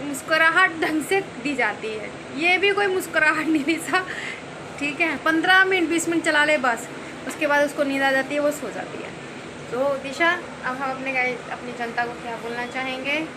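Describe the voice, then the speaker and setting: Her voice high-pitched and her pace moderate, a woman vlogs comedically outdoors in dusty, sunny conditions. She keeps the narration casual, teasing and laughing often over a noisy background.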